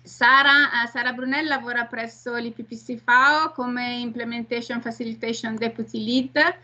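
A woman's voice: fairly high pitch, steady tone, normal speed, bright, forceful tone. A middle-aged woman moderates an online conference over a video call, introducing speakers. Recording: slightly dull video call sound.

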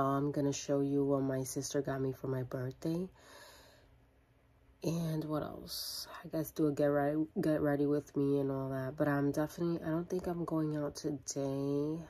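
Holding her phone's front camera close, a woman in her thirties chats through a casual vlog from a small room at home. She speaks at a normal pace in a low, warm, flat-sounding voice, rambling and thinking out loud.

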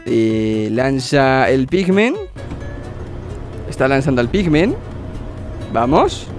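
A man's voice: medium pitch, expressive, slow pace, soft background music. A young man from hosting a reaction video, exclaiming, repeating words and laughing often. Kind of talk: excited reaction commentary.

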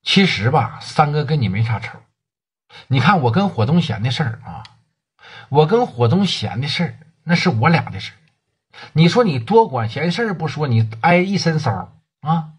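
A man with a Northeastern Mandarin accent voicing a calm, shrewd male city gang leader who speaks low and unhurried. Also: slightly rough.

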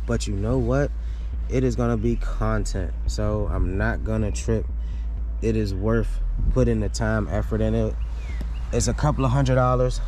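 A man's voice: on the low side, warm tone, a little hiss or hum. A man filming a casual, slangy walkaround of used cars outdoors, thinking aloud as he checks them over. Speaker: car flipper and vlogger. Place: outdoors on a grassy lot by the cars.

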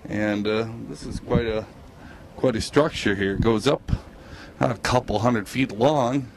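A man hosting a walking video tour, talking haltingly with many fillers as he films. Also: fairly low pitch, slight background noise. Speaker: host, filming the tour.

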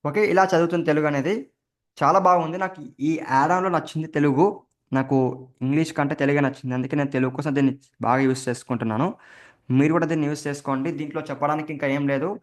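A man walks viewers through a software setup, talking quickly. He names every key he presses as he goes. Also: a little high, steady tone. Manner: explains each keystroke as he goes. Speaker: tech tutorial host. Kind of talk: step-by-step screen recording tutorial.

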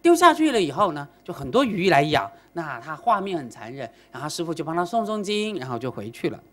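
Animated woman telling a Buddhist story. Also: deep voice, fairly quick. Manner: animated storyteller, frequent rhetorical questions. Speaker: Buddhist lecturer. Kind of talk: dharma talk with storytelling.

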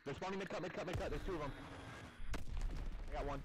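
A man's voice: on the high side, fast talker, over a noisy crowd, poor audio. A man in team game chat giving short, repeated position callouts. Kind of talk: gaming callouts.

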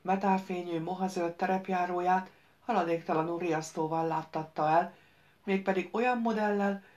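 A woman narrating an audiobook in a calm, measured reading. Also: lowish voice. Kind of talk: scripted narration.

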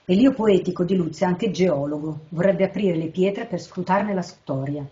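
A woman with a lowish voice gives a careful, measured literary lecture and reads short poems aloud in an unhurried way. The recording sounds dull and lo-fi. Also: warm tone. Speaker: translator presenting a poet. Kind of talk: literary lecture with poem readings.

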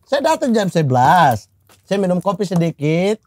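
A man telling a story in casual chat, animated and often laughing. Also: high voice, moderate pace, no echo. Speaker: comedian guest.

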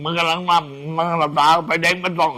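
A senior monk, an older man, tells stories casually and animatedly, rambling as old men do and often repeating his words. His voice is a little high and he talks at a racing pace.

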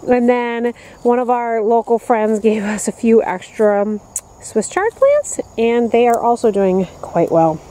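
A woman's voice: a little high, expressive, a little slow, warm tone, rough recording. A woman in her thirties giving a casual, upbeat tour of her backyard vegetable garden, filmed with a handheld camera at arm's length. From upstate New York, US. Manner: chatty, upbeat, walking and pointing at plants. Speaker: gardening vlogger. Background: crickets and insects.

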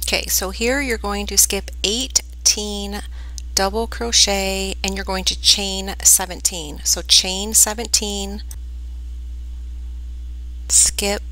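Bright-voiced woman counting stitches. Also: medium pitch, rough recording. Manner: calm, counting stitches aloud. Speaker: crochet instructor. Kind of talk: step-by-step tutorial narration.

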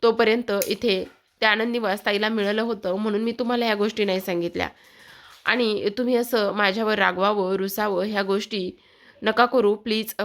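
A woman's voice: mid-range voice, fairly bright tone, lightly acted. A woman voicing a remorseful young wife in a TV serial recap, pleading and apologetic.

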